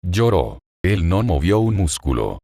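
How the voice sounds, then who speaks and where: A man narrating a fan fiction story aloud in a steady, dramatic reading. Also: low voice, unhurried, no echo, clean studio sound.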